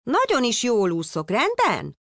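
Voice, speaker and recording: Woman doing Nemo, a squeaky little clownfish boy. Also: a bit bright, no room sound, studio quality. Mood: defiant. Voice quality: squeaky high voice. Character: lively little boy clownfish, eager and stubborn.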